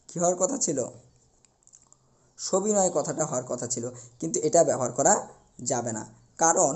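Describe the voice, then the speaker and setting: A young man teaching a recorded class, explaining step by step and slowly repeating the key words. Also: on the high side, warm tone.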